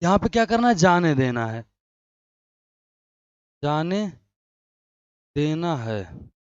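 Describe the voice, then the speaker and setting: A man's voice: fairly high pitch, big pitch swings, slow pace, clean tone, dry recording. A man teaching a grammar lesson online, explaining step by step and asking questions that he answers himself. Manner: frequent checks of "right?" with listeners. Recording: dry, dull lo-fi sound.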